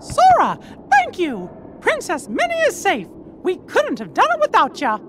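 Cheerful cartoon mouse hero, squeaky falsetto, bouncing pitch, game music under. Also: male voice, wildly swooping pitch, moderate pace, fairly bright tone, slight background noise, exaggerated voice. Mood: earnest. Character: cheerful plucky cartoon mouse musketeer, male.

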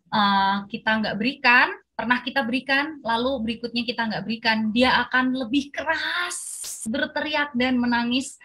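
A woman in her thirties speaking gently and practically to parents in a webinar over a video call. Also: on the high side, slightly rough. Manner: gentle, practical, uses fillers like "gitu ya". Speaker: evangelist speaker.

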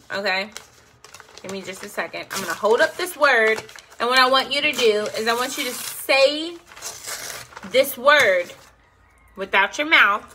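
Self-help host, woman, slightly high, unhurried, coaxing listeners to repeat after her. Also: bright, forceful tone, a little hiss or hum. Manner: coaxing, call-and-response, encouraging. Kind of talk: guided affirmation exercise.

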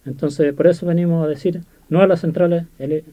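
A man's voice: a little high, steady tone, fairly quick, mellow. A man, a community representative, answering in a radio interview, earnest and repeating himself. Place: small radio studio. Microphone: studio table mic. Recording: dull lo-fi sound.

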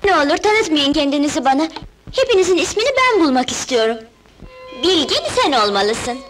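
A woman dubbing a sweet, gentle young princess in a film, speaking kindly and with wonder. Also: sits high, sing-song, brisk. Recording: dubbed film soundtrack with music.

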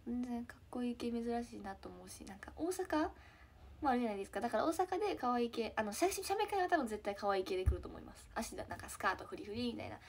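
Teen girl, kansai accent, chatty live stream, kinda breathy and highish, giggles a lot. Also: sing-song, fast. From Hyogo, Japan. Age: teens. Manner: chatty, giggly, trails into soft murmurs. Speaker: idol trainee streaming to fans. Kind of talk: casual live-stream chat.

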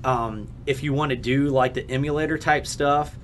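A man on a casual podcast, walking through technical details with a steady explaining manner. Faint room ambience sits behind his voice. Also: medium pitch, moderate pace, a little hiss or hum. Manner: technical, explaining gear at length. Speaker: podcast co-host.

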